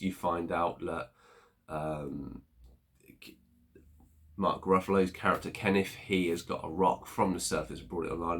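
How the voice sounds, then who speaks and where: Very deep-voiced man reviewing a film. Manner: unhurried, thinking aloud with many filler pauses. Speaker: movie reviewer. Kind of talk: casual spoken movie review.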